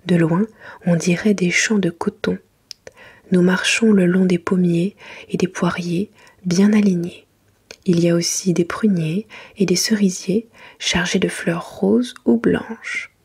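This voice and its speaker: Woman, soft library whisper, very breathy, slightly low voice, gentle unhurried ASMR storybook reading.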